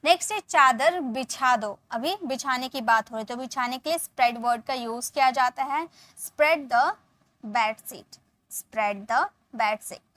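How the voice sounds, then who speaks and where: Female English tutor for a video lesson, high voice, repeats key points, dry studio sound. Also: fairly bright tone, no room sound. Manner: explains in Hindi, slows down for English example sentences; repeats points, often adds "ठीक है" and "okay". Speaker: English teacher.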